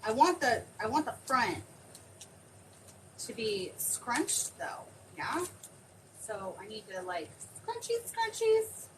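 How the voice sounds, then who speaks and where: A woman demonstrating a craft on a live stream, chatting excitably and thinking aloud as she works. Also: a little high, slow, long pauses. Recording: distant mic with clear background noise.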